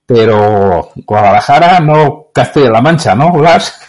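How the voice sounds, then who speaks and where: A man's voice: medium pitch, expressive, a little slow, a little mellow. This is a man hosting a business interview podcast. His voice sits in the middle of the male range but moves animatedly up and down. He talks in a friendly, conversational way, leading the chat with easy introductions and questions. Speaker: podcast host.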